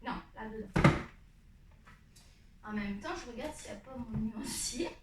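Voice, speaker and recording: A woman's voice: a little high, a little slow, very noisy. A woman chatting at home as she shows off her art supplies, rambling and talking straight to her viewers. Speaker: art vlogger. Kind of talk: chatty product show-and-tell.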